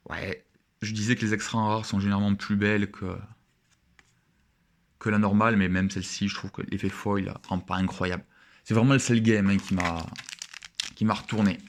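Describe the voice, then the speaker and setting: A young man with a fairly low voice talks casually over a card opening. He sounds enthusiastic and chatty, pausing to admire each card as it comes out of the pack.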